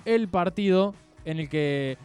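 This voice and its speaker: A man's voice: high voice, expressive, slow, darkish tone, smooth, faint music behind. A man with an Argentine accent chatting casually about football as a show's co-host. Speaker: sports show co-host.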